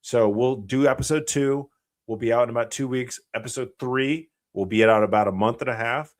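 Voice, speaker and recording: A man's voice: medium pitch, fairly quick. An American man hosting a live Q&A stream, talking bluntly and rambling, with heavy swearing. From United States. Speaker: channel host, former special operations soldier.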